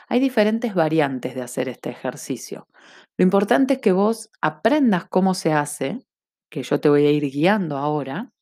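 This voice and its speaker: Slow, low-voiced woman teaching breathing. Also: a little mellow. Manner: instructive, often checks understanding with short questions. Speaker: breathing and mindfulness instructor. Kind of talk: guided breathing lesson.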